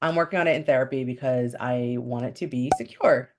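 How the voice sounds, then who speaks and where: A young woman vlogger from upstate New York, whose first language was Spanish, chats candidly and upbeat to the camera. Her voice is very deep and brisk, with background noise in the recording.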